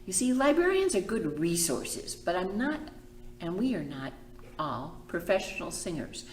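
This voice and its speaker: With a fairly low, darkish, sing-song voice, a children's librarian unhurriedly reads and teaches during storytime, using simple, expressive phrases and elongated words for young kids. Slight background noise can be heard in the echoey space.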